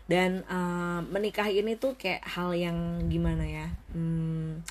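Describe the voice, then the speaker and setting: A young woman talking casually to her viewers in a reflective vlog, often dropping English phrases into her speech and pausing to think. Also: lowish voice, level tone, a little mellow. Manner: thoughtful, pauses with many fillers. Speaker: vlogger.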